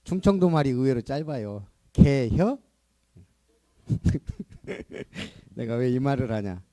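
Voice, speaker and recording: A man's voice: medium pitch, lively intonation, slow pace, dark tone, a little hiss or hum. A male pastor preaching a sermon, asking the congregation questions and playfully imitating a regional dialect. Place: church.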